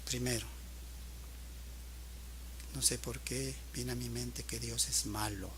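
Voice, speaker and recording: A man preaching a sermon who shifts between quiet storytelling and loud, emphatic appeals. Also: mid-range voice, steady tone, slow pace, background noise. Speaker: pastor.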